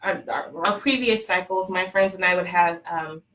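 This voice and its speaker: A woman's voice: fairly low pitch, moderate pace, fairly bright tone, rough recording. A woman with a Texan accent, telling a personal story in a casual live-stream chat, laughing often as she talks. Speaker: fertility clinic staffer sharing her story.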